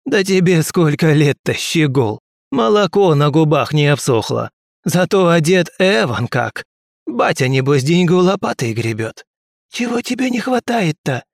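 A man voicing a rough, hoarse middle-aged drunk who talks in coarse, mocking folksy speech. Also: on the high side, very animated, a little slow, no echo, clean studio sound, pitched above the performer's own voice, full character voice. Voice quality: hoarse, crow-like.

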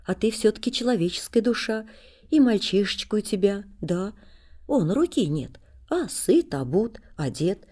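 Woman doing a gentle armless old man. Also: sits high, lively intonation, normal speed, voice pushed up. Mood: consoling. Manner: soft, kindly, consoling.

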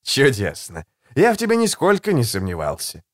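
A man reading an audiobook, voicing a suave, condescending male assassin in a soft, low, silky voice. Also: wildly swooping pitch, moderate pace, dry recording, clean studio sound. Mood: silky, ironic. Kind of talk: audiobook character voice.

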